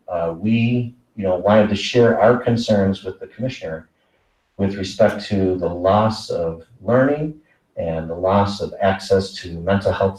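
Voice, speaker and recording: Deep-voiced man presenting in an echoey room. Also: a little mellow, distant mic. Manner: measured, many fillers. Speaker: school superintendent. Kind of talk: presenting a report at a board meeting. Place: meeting room.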